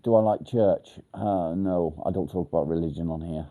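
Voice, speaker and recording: The sound is phone quality as a man from England hosts his livestream, speaking in a low voice at a moderate pace. Congested and nasal from a blocked nose, he responds to viewer comments bluntly and casually, wasting no words.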